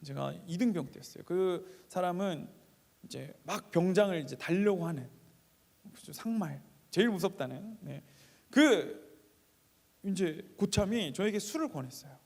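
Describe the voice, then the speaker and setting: A man preaches in a church with a high, gravelly voice, moving from hushed asides to raised appeals. The sound carries a long hall reverb. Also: lively intonation, moderate pace. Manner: storytelling, swings between quiet asides and raised appeals. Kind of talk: sermon with personal story.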